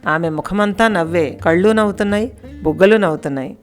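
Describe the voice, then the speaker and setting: A woman with a fairly low voice reads a romantic tale as an audiobook, calm and steady, and gives the characters' lines small changes of voice. Soft music plays faintly under her narration. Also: a little fast. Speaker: storyteller.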